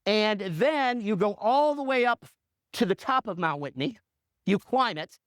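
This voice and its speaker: A man in his fifties, a coach and radio host, telling a motivational story in an animated way with punchy repetition. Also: sits high, unhurried, clear, resonant tone, no room sound, clean studio sound.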